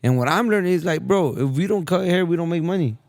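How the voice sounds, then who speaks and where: Male barber podcast host, lively and quick, casual chat. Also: sits high. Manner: animated, quick, says bro a lot.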